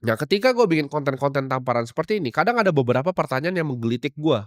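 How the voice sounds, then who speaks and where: A brash young man lectures his listeners in a blunt motivational monologue. His voice sits a little high and swings widely in pitch as he hammers his points home. The sound is dry and close, with no room around it. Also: expressive, rapid-fire, dry recording. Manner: brash, lecturing, mixes in English phrases. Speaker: motivational speaker.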